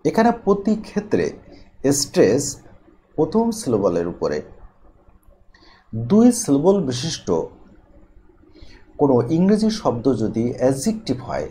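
A male English teacher explains grammar rules at a measured, careful pace. His voice is mellow and warm, with a lively, rising and falling pitch, and he lifts key terms before listing examples one by one. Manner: slow, deliberate, stresses key terms, reads out example words one by one. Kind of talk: instructional explanation.

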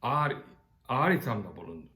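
A man's voice: medium pitch, big pitch swings, moderate pace, sharp tone. A man giving a parliamentary floor speech, using sarcastic, folksy storytelling and rhetorical questions. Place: large parliament chamber. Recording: echoey chamber sound.

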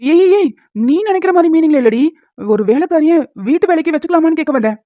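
A woman voicing a young cartoon husband who bickers and protests loudly. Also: fairly high pitch, a little fast, dry recording, natural voice. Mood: protesting. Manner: loud protesting outbursts. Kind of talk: Tamil cartoon dubbing. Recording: tinny phone-like, dry.

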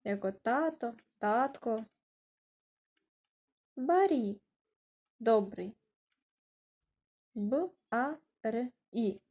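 Slow, mellow-voiced woman teaching letters. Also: fairly high pitch, lively intonation, lo-fi sound. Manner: slow, patient, spelling out words letter by letter. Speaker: language teacher. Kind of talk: online language lesson.

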